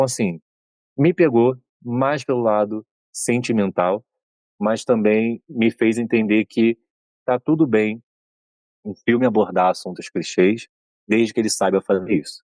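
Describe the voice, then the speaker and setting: A man in his thirties co-hosts a casual podcast, recounting a film at length and quoting its characters in a lifted voice. His voice sits at a middle pitch. The sound is close and dry, with no room around it. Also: darkish tone, no echo. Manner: long retelling, acts out quoted lines in raised pitch. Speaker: podcast co-host.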